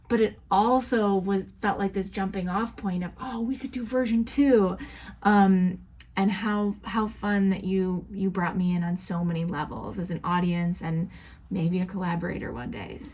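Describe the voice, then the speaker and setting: A woman's voice: medium pitch, mellow. A woman speaks as a judge giving conversational feedback, with a mid-range voice. She is effusive and emphatic, leaning on key words and repeating them for weight.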